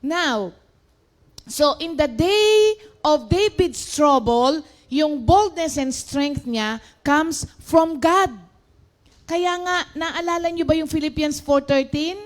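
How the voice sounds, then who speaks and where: High-pitched female preacher, casual and talky, speaks straight to the congregation. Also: slow. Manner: chatty, mixes in English, addresses listeners as brothers and sisters. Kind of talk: conversational sermon.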